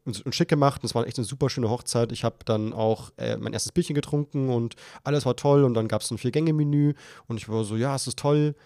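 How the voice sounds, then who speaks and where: A man's voice: fairly quick, hardly any pauses, no room sound, clean studio sound. A young man hosting a podcast, telling a long story in casual chat and acting out his own flustered voice. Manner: animated storyteller, acts out his own panicked voice in high pitch. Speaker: podcast host.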